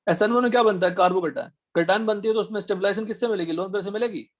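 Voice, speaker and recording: A man teaching an online chemistry class, firing quick questions at his students to check they follow. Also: high voice. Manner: quizzing students with rapid questions. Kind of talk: online chemistry class, Hindi mixed with English.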